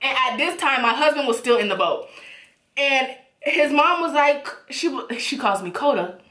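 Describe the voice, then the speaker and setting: A woman telling a story casually, animated and laughing as she goes, swearing freely. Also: high-pitched, moderate pace, echoey room. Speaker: storytelling vlogger.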